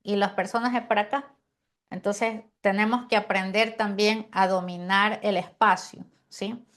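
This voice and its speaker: A woman gives a chatty lesson on preaching. She lets pauses hang on purpose and often checks in with her listeners. Her voice sits at a middling pitch. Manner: animated, uses deliberate pauses and demonstrations; frequent rhetorical "¿sí?" and "amén". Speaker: preaching teacher. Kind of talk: conversational teaching on preaching.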